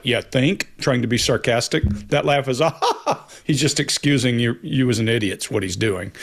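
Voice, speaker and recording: A man analyzing body language on a panel, speaking confidently and animatedly with vivid imagery. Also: mid-range voice. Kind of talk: casual panel commentary.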